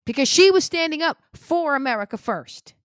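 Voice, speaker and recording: A woman giving a heated political opinion monologue, indignant, swinging between loud outbursts and low muttering. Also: animated, normal speed, no room sound, clean studio sound. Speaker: political commentator.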